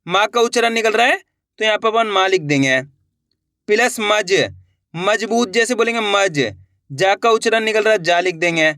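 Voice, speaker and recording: A man's voice: sits high, normal speed, sharp tone, no room sound. A man teaching how to write words letter by letter, repeating each word and answering his own questions. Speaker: Hindi writing teacher. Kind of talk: slow step-by-step spelling lesson.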